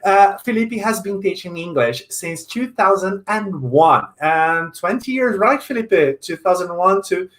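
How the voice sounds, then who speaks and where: A man's voice: sits high, lively intonation, a little slow, hardly any pauses, a bit bright. A man with a Brazilian Portuguese accent hosting a live online interview, friendly and chatty with many "uh" fillers. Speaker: host, English teacher.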